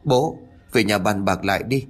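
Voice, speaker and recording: A man's voice: on the low side, normal speed, a bit bright, soft background music. A man voicing an anxious young villager who explains urgently.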